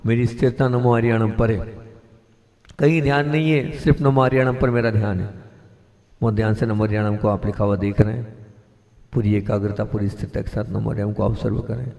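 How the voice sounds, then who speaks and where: A man, a Jain monk, guiding a mantra meditation class with slow, repetitive instructions and hushed chanting. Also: on the low side, steady tone, creaky, in a large hall.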